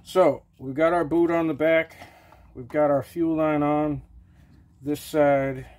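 A middle-aged man with a mellow, relaxed voice talks through a repair at his workshop bench. He explains each step plainly and practically, with a casual "okay" now and then. He sounds like he is recorded up close by the camera over the bench. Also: on the high side, takes it slowly. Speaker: small-engine repair host. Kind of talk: casual how-to narration while working. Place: home workshop bench, open to the outdoors.

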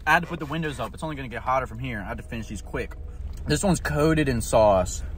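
A man's voice: medium pitch, quick pace. A man in his twenties chatting casually for an eating-challenge vlog, exclaiming between bites with his mouth burning from spicy food. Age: 20s. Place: inside a parked car. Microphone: phone at arm's length. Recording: car cabin noise, handheld phone.

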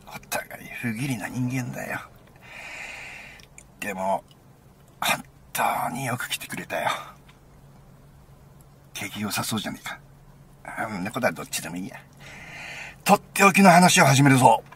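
A man reading a first-person story aloud as an intimate, conversational monologue, sometimes dropping into a hushed near-whisper. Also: lowish voice, slight background noise. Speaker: narrator.

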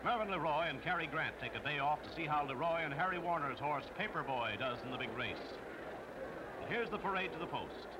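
A man narrates in brisk, upbeat 1940s newsreel commentary, his voice sitting a little high for a man. The old newsreel soundtrack carries heavy, constant hiss and noise throughout. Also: lively intonation. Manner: brisk, upbeat announcer delivery. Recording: noisy 1940s film soundtrack.

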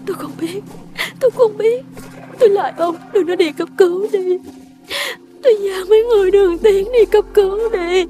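A woman's voice: very high voice, expressive, moderate pace, a little mellow, soft background music. An actress playing a terrified young woman held captive, pleading and crying.

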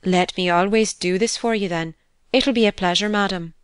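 A woman's voice: mid-range voice, moderate pace, clean tone, no echo, clean studio sound, close to an everyday voice. A woman voicing a demure young governess.

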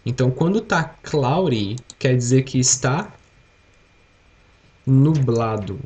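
Speaking slowly but with plenty of animation, a young Brazilian man runs a live-streamed English lesson. His medium-pitched voice is a little mellow and shaped by a Brazilian Portuguese accent, and he patiently drills words, prompting the class to repeat them.

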